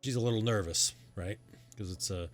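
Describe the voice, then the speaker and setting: A man narrating a tabletop game as game master in a casual, halting, informal way. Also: lowish voice, faint music behind.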